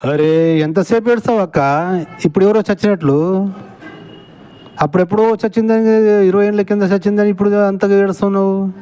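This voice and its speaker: A man's voice: high voice, steady tone, brisk, pauses often, mellow, clear, resonant tone, faint music behind. A man commenting on a played clip in casual talk, sarcastic and impatient with his questions.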